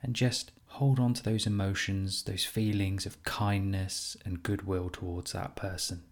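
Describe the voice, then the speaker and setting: Leading a guided compassion meditation, a male teacher speaks in a low voice with a flat delivery. His manner is gentle and soothing, unhurried, with frequent pauses.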